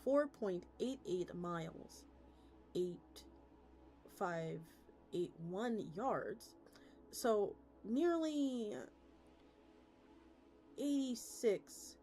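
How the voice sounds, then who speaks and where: A woman, a VTuber streamer, reads a story aloud in a relaxed, chatty manner. Her medium-pitched voice is mellow and expressive, and she speaks slowly with frequent pauses. The recording is rough, with background music playing behind her.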